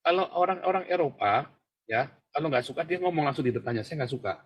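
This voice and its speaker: A man preaching with a husky, slightly breathy voice. He delivers a provocative sermon in a mocking tone and keeps calling out to his listeners directly. His delivery swings between sudden loud bursts and quiet, muttered asides. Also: animated, fast. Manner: constantly addresses listeners as brothers; leaps between shouting and low murmurs. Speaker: pastor.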